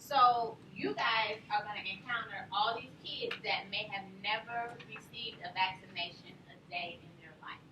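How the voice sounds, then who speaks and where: A woman teaching a nursing class, telling lively stories and quizzing her students. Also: mid-range voice, moderate pace, hardly any pauses, background noise. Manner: animated storyteller, quizzes the class. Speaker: nursing instructor. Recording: roomy classroom from far off.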